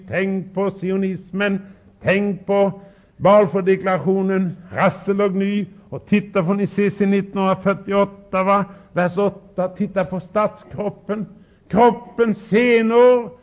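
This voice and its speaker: High-voiced emphatic man preaching a sermon. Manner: emphatic, shouts out scripture quotes; talks directly to the congregation. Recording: dull lo-fi recording.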